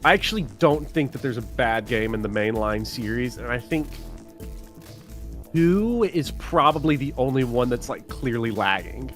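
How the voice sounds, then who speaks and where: A man's voice: mid-range voice, expressive, moderate pace, a bit bright. A man chatting casually as a guest co-player on a game stream, rambling with frequent restarts. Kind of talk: casual let's-play chat. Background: game music.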